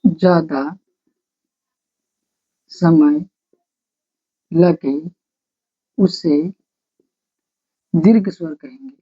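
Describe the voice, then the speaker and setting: A grammar teacher dictating notes slowly, repeating phrases word by word and asking questions before answering them. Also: medium pitch, slightly rough. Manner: slow, repetitive dictation, breaking sentences into single words. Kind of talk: blackboard-style grammar lesson, dictating notes. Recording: dull lo-fi recording.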